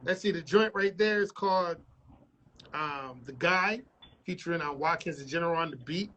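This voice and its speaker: A man's voice: on the high side, normal speed, sharp tone, a little hiss or hum. A man hosting a casual radio interview, loose and joking. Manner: loose, joking, rambling with cursing. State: frog in his throat. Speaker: radio host and DJ. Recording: muffled livestream audio.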